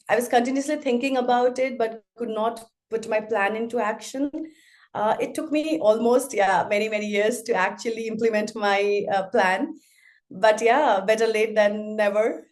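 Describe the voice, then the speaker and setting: A woman talks through her answers as a podcast guest. She speaks at an even, mid pitch and pauses often on fillers as she thinks. The tone stays conversational and unhurried. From Nepal. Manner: thoughtful, talks with frequent fillers and restarts. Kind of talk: casual interview conversation.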